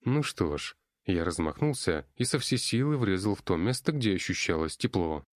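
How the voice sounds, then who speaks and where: A man's voice: low-pitched, animated, normal speed, no room sound, studio quality. A man narrating a first-person fantasy audiobook in a wry, conversational manner.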